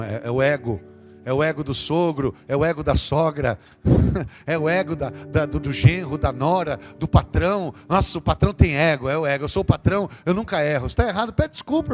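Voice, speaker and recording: A man with a Brazilian Portuguese accent giving a parish sermon, lively and conversational, with jokes. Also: on the high side. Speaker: lay preacher. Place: parish church. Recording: long church reverb with guitar music.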